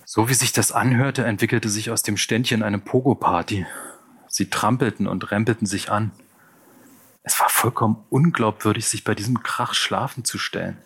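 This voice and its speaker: A man with a fairly low voice reads a first-person audiobook. His delivery is measured and tense, in steady scripted narration. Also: slightly rough.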